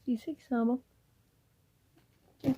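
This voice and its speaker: A woman's voice: unhurried, dark tone, muffled recording. A woman with a Quebec French accent chatting through a casual giveaway unboxing in her home office, rambling and upbeat. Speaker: YouTuber. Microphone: camera mic.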